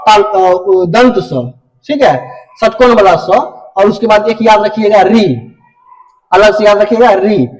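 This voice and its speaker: Young guy teaching grammar, high voice, w/ ish flavor, keeps asking his own questions n answering. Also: poor audio. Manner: explains step by step, often checks with "ठीक है" and asks then answers his own questions. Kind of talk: classroom lesson.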